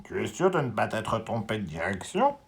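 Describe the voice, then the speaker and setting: A man's voice: on the low side, very animated, normal speed, slightly rough, full character voice. A man voicing a chatty, eager young female frog, in a children's storybook reading.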